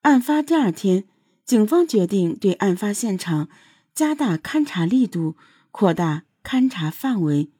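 Woman narrating true crime, lively swooping intonation. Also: medium pitch, unhurried, breathy edge, dry recording, clean studio sound.

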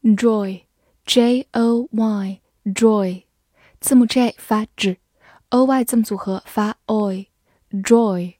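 A woman whose first language is Chinese teaches English vocabulary in a scripted lesson, spelling each word letter by letter and reading the example sentences slowly. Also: medium pitch, warm tone, dry recording, clean studio sound.

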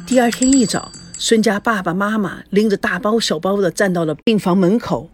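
A woman's voice: mid-range voice, moderate pace, soft background music. A woman narrating a family drama story steadily and plainly.

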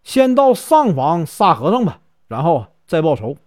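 A man's voice: a little high, wildly swooping pitch, unhurried, a little mellow, no echo, clean studio sound. A man voicing a greedy, scheming innkeeper who gives orders urgently, in a told folk story. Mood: angry. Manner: urgent, commanding.

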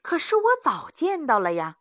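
A woman's voice: big pitch swings, moderate pace, no room sound, clean studio sound. Woman doing a terrified young hunter. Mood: panicked. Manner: pleading, breathless high cries. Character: frightened young male hunter, panicky and shaky.

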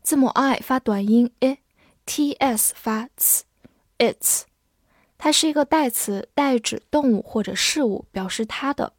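Female English teacher, higher voice, patient and clear, dry close recording. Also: a little slow, no room sound. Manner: clear, patient, spells words letter by letter. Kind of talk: vocabulary lesson with slow spelled readings.

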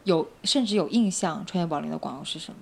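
A woman's voice: low-pitched, expressive, quick pace, vocal fry, breathy edge. A woman in a casual discussion, giving her own opinions in a reflective, conversational way.

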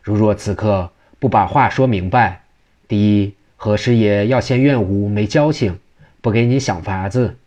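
A man's voice: on the low side, measured pace, darkish tone, natural voice. A man voicing a male go-between who talks persuasively.

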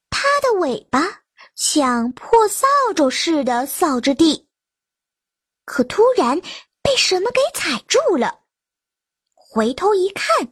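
Slow expressive children's storyteller woman. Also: high voice, no echo, studio quality. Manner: expressive, sing-song storytelling. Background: children's music.

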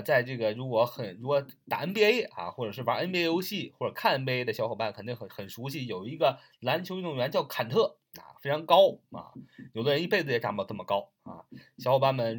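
Male vocab teacher with a husky voice and lots of pitch swing; spells words out slowly and repeats them. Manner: explains in a chatty, friendly way. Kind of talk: recorded vocabulary lesson.

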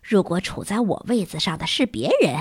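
A woman's voice: lowish voice, animated, a little fast, breathy edge, no echo, studio quality. A woman voicing a cocky, rebellious schoolgirl with a cold who talks confidently and boastfully.

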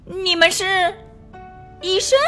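A woman voicing an eager, impatient little male frog in a children's storybook, exclaiming with bouncy excitement. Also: high voice, moderate pace, soft background music, pitched above the performer's own voice.

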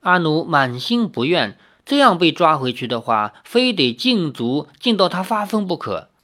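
A man tells a novel as a storyteller and stops now and then to explain the plot in plain words. His voice sits a bit high and moves a lot in pitch. He keeps a lively reading pace. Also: normal speed. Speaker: audiobook reader.

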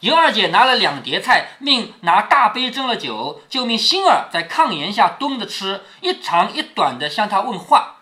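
Lively, bright-voiced man reading a classic story aloud to his daughter. His pitch swings widely as he stops to explain passages in plain talk, and he keeps asking whether she is following. The tone is informal and chatty. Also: moderate pace, hardly any pauses. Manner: chatty, often checks in with the listener.

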